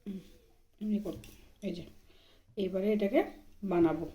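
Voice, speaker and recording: A home cook vlogger with a Bengali accent walks through a casual cooking demonstration, explaining each step as she does it. Her medium-pitched voice is warm, with fairly even intonation and normal speed. The indoor home kitchen is noisy with frying and sizzling.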